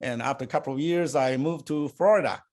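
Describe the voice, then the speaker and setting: Speaking English as a second language, an older Taiwan-born and raised guest whose native tongue is Chinese responds to interview questions haltingly, with frequent fillers and restarts. His mid-range voice is a little mellow.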